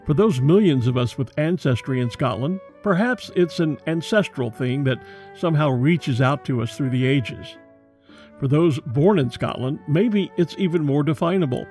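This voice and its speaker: An American man hosting a podcast, reading a measured, scripted introduction. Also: on the high side, lively intonation, darkish tone, soft background music. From USA. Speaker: podcast host.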